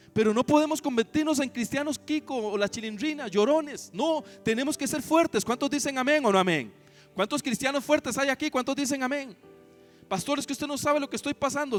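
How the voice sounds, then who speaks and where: A man with a rather high voice preaches a church sermon, often calling out questions to the congregation. He moves from loud, emphatic lines to hushed, low ones, with soft music playing faintly behind him. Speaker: pastor. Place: church service.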